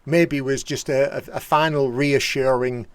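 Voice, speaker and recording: A man talking softly on a video call, drifting into thoughtful, rambling reflections. His voice is dry and close, with no room sound. He holds a middle pitch and often trails off quietly. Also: fairly even intonation, a little slow, smooth, no room sound. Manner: soft-spoken, rambling and reflective. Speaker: therapist and session host. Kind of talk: casual online group discussion.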